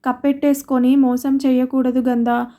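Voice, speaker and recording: Storybook: woman reading an earnest troubled young wife, high and flat. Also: normal speed.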